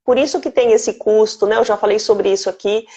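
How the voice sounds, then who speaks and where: A woman's voice: medium pitch, brisk, mellow. Earnest Brazilian woman host, lo-fi audio. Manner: earnest, greets viewers by name mid-story. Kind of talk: live-stream talk.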